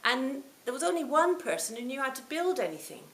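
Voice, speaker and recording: A woman's voice: sits high, sing-song, fairly quick. Reflective woman in her sixties in a roomy hall. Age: 60s. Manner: reflective, warm storytelling with soft trailing phrase ends. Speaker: Buddhist teacher. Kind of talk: dharma talk to a retreat audience. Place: retreat hall. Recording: roomy hall, faint hiss.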